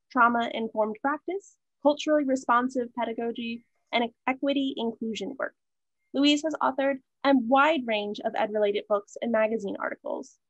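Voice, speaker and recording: Higher-voiced woman reading introductions. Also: dry recording. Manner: steady, scripted reading with small slips. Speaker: event moderator. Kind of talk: read-out speaker introductions. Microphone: video call. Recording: dull, dry video call audio.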